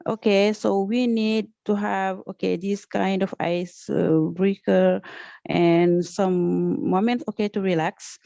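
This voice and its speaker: A woman's voice: mid-range voice, steady tone, slow pace, creaky, dark tone, no echo, dull audio. A woman from Senegal with a Senegalese accent, a teacher speaking off the cuff in a group class, hesitant, repeating words and often saying "okay". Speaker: teacher taking part in an online training. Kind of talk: unscripted comment in a group class.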